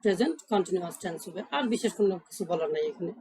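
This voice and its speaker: Female grammar tutor, quick delivery, mellow tone, faint hiss behind. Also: fairly low pitch, animated, rough recording. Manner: asks questions and answers them herself, repeats key points. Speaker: English grammar teacher. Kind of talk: explaining grammar rules step by step.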